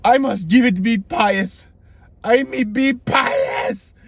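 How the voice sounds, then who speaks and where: A man's voice: very high voice, slow pace, gravelly, no echo, voice pushed up, exaggerated voice. A man putting on the voice of a pompous, boastful king who brags in street slang. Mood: solemn. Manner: swaggering street-slang bragging.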